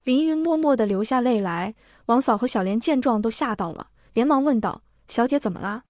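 A woman narrating a serialized story in a steady reading voice. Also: on the high side, fairly quick, no echo, clean studio sound.

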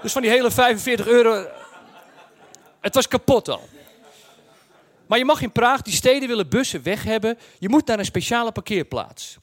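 A man with a distinctly high voice recounts an anecdote in a very dry recording. He talks casually and bluntly, in colloquial language, and performs the story as he tells it. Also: lively intonation, moderate pace, long pauses, dry recording. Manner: acts out dialogue and sound effects. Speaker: storyteller recounting his travel experience.

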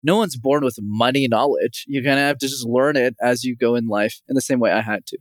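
Energetic and self-assured, a young Montreal man who works as a communication coach fields interview questions and frequently addresses the host by name. He speaks fairly quickly in a mid-range voice, recorded dry with clean studio sound.

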